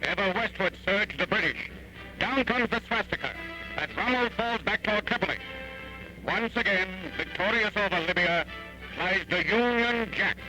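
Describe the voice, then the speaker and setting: A man's voice: high-pitched, normal speed, rough recording. A man narrating an old wartime newsreel voice-over in an urgent, declamatory, dramatic manner. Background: music.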